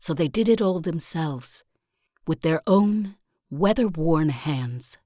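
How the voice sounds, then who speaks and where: In this scripted monologue for a strategy game, a low-voiced woman plays a zealous self-help guru and sect leader, preaching slowly and solemnly with the calm conviction of someone wholly sure of her creed. Her sermon-like oratory is deliberate, earnest, and reflective, yet her intonation is lively, her tone warm, and her voice exaggerated. The recording is dry and close, with no echo.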